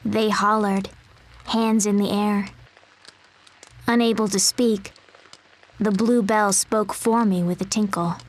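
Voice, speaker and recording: A woman voicing a timid little animal who poses as a girl, narrating a game story in a soft, measured way. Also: medium pitch, steady tone, rough recording. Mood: wistful.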